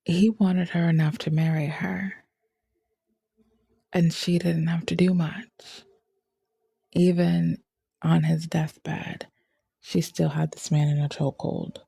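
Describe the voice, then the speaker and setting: Woman, husky and dark, slow drawl, trails into whispers. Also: low-pitched, flat delivery, dry recording. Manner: rambling, soft-spoken, often drifting into whispers. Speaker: tarot reader. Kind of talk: casual reflective chat.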